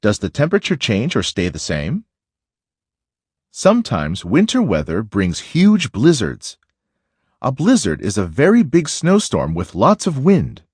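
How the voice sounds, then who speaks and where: A narrator reads aloud a nonfiction picture book for children, his pitch swinging hugely up and down while his pace stays slow and deliberate. His voice is a little husky and a little mellow, recorded close and dry with no echo.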